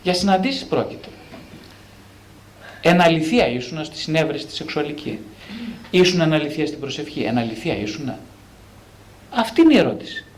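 A male psychotherapist speaks in a lively, swooping voice that sits fairly high. He is colloquial and animated, posing questions and knocking them down in the same breath. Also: pauses often, slight background noise. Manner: animated, asks himself rhetorical questions, very colloquial. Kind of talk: talk on self-knowledge.

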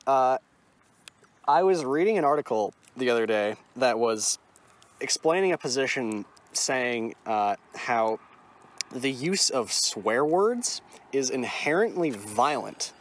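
A man co-hosting a casual podcast, swearing freely and talking in a halting, repetitive way. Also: mid-range voice, animated. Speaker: podcast co-host.

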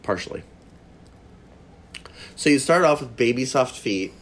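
A man's voice: medium pitch, lively intonation, measured pace. A man co-hosting a podcast in casual chat, blunt, opinionated and freely profane. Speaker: podcast co-host.

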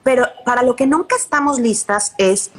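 Husky-voiced Mexican woman host. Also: on the high side, normal speed, a bit bright. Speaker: interview host. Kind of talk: conversational interview.

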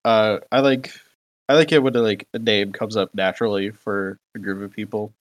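A man's voice: fairly low pitch, steady tone, normal speed, no room sound. A man co-hosting a casual game chat, rambling with many fillers and restarts. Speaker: podcast co-host.

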